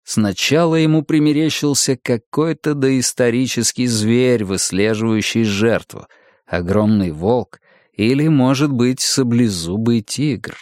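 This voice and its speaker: A man's voice: mid-range voice, unhurried, a little mellow, no room sound, studio quality. Man reading a horror tale. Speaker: audiobook narrator. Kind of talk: scripted horror narration.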